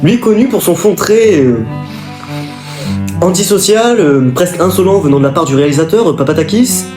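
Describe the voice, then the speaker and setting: A man's voice: high voice, animated, moderate pace. A man hosting an improvised video on film genres, rambling with fillers and self-corrections. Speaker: video host. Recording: echoey room with music behind.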